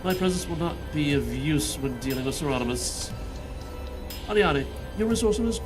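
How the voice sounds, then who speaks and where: A man voicing a solemn, commanding mentor in a fantasy game, with formal and measured phrasing. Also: a little high, expressive, over music, voice pushed down, close to an everyday voice. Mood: grave.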